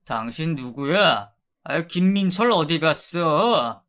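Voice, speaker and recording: A woman voicing a rough, threatening male debt collector who yells and bullies. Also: sits low, expressive, slow pace, exaggerated voice. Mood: menacing. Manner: threatening, yelling.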